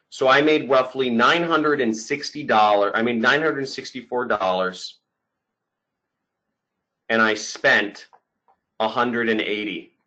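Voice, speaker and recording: A man giving an online sales pitch as a marketing coach, emphatic, repeating key points and often checking in with the listener. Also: sharp tone, low-quality recording. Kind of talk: webinar sales pitch over slides.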